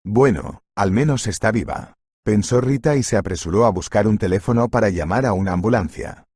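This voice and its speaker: Low, husky male storyteller. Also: brisk, darkish tone, no echo. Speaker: narrator. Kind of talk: scripted story narration.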